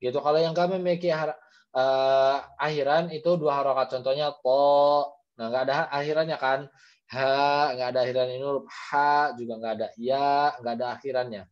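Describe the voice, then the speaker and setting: A man's voice: medium pitch, fairly even intonation, moderate pace. A man, teaching Quran recitation in an online class, patiently explaining and modeling the readings aloud. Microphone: video call. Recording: dull lo-fi video call audio.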